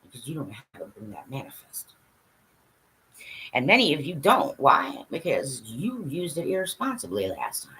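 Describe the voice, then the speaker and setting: A woman's voice: extremely low pitch, very animated, moderate pace, a bit bright, husky, rough recording. A woman talking straight to her viewers in a scattered, blunt livestream monologue, swearing and laughing as she goes. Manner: addresses the audience directly, asks for agreement. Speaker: livestream host.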